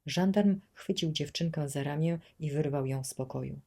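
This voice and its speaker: A woman's voice: sits low, normal speed, vocal fry, dark tone. Woman reading an audiobook aloud. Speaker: audiobook reader. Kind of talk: scripted audiobook narration.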